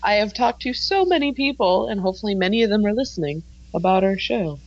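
A woman's voice: medium pitch, lively intonation, fast talker, darkish tone, no room sound. A woman chatting casually as co-host of a radio show. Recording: thin phone-like line.

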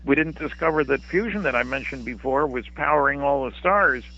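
A man's voice: medium pitch, brisk, creaky, pushed and bright. A man speaking as a guest expert in a radio interview, musing and discursive. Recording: dull, band-limited radio line.

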